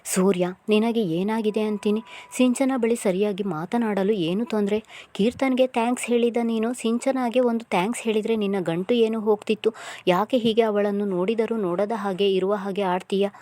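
A woman's voice: medium pitch, fairly even intonation, moderate pace, dark tone, lightly acted. A woman voicing a young male office worker who presses his friend with reproachful questions, read aloud from a storybook.

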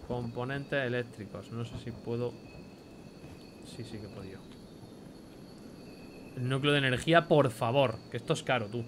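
Man, Spain Spanish accent, young adult, let's play commentary, casual swearing, reads items aloud, mid pitch. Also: normal speed, long pauses, noisy background. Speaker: gameplay commentator.

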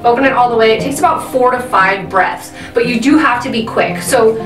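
A woman in her thirties giving a casual product review, chatty and filling pauses with "um". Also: a little high, over music. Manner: chatty, frequent "um" fillers. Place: indoor room at a desk. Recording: roomy and slightly distant.

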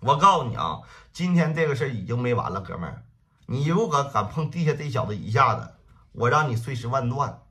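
A man's voice: mid-range voice, very animated, a little fast, a bit bright. A man voicing a proud, defiant young gang boss, issuing cold, boastful threats.

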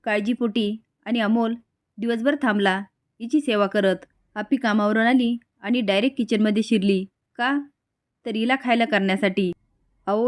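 A woman's voice: on the high side, no echo, studio quality, close to an everyday voice. A woman reading the lines of an upset adult man in a retold serial episode, raising her voice in reproach.

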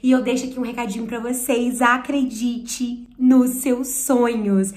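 A woman with a Brazilian Portuguese accent in an excited unboxing vlog, talking breathlessly and nervously, close to tears. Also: on the high side, measured pace. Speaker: YouTuber and performer. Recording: echoey room.

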